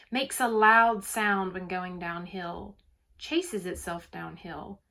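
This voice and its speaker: A woman's voice: mid-range voice, a bit bright. A woman teacher giving a recorded poetry lesson, explaining carefully and stressing words to show rhythm.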